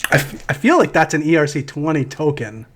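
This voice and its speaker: A man co-hosting a casual podcast as a quiz contestant, with a slightly high voice that swoops up and down a lot. He jokes and pokes fun at himself. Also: sing-song, a little fast, breathy edge. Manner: self-deprecating, jokey, exclaims.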